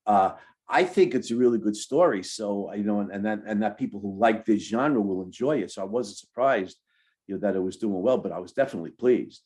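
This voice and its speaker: A man, a novelist being interviewed, answering casually in a halting way that repeats words while he thinks. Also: fairly low pitch, expressive, darkish tone. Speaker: novelist guest.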